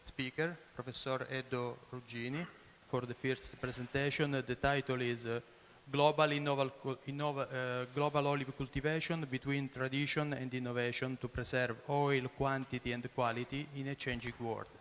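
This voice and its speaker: A man's voice: medium pitch, fairly even intonation, a bit bright. Man, session chair, hesitant phrasing, introducing speakers, echoing hall, slight background hiss. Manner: hesitant, halting non-native English. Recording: hissy, reverberant hall sound.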